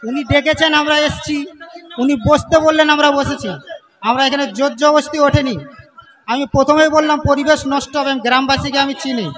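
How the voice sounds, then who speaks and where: A man's voice: very high voice, fairly even intonation, brisk, fairly bright tone, soft background music. A male challenger at a gathering, defending himself and explaining why he came. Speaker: challenger at a debate.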